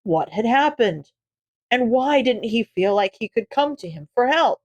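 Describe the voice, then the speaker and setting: Casting: woman narrator for fan fiction, higher voice, steady, dry close sound. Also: measured pace, no room sound, lo-fi sound. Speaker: audiobook reader.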